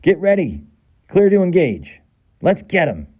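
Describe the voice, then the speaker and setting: A man's voice: sits high, huge pitch swings, unhurried, dull audio, full character voice. A man with a Boston accent voicing a tough American soldier in a video game, giving clipped military radio callouts. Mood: urgent, commanding. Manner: clipped, urgent military delivery.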